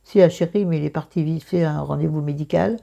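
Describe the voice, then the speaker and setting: A woman with a croaky morning voice and vocal fry, chatting casually through a book review in a self-mocking, digressive way, thinking aloud. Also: low voice, fairly even intonation, fast talker, warm tone, muffled recording.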